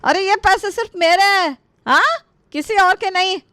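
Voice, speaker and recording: A woman's voice: mid-range voice, a little slow, fairly bright tone, no echo. A woman voicing a scheming, stingy middle-aged mother-in-law who stammers when flustered.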